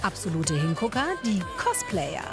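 A woman's voice: lowish voice, animated, moderate pace, music in the background. A woman announcing a TV promo with a punchy, dramatic delivery.

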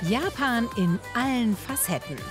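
A woman announcing a TV promo in a punchy, excited voice-over. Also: on the high side, a little slow. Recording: voice-over over loud music.

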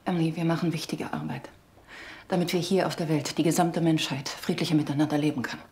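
A woman's voice: sits low, fairly even intonation, fast, a little mellow, slight background noise. An actress playing an earnest, insistent middle-aged mother who works as a secret agent, in a screen drama. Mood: hushed, earnest.

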